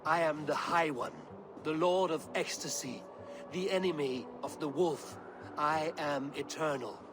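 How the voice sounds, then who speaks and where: An actor playing a commanding Norse high god in a video game, grave and imperious, with dramatic delivery. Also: male voice, measured pace, very noisy, lightly acted. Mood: brooding, defiant. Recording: music under the voice.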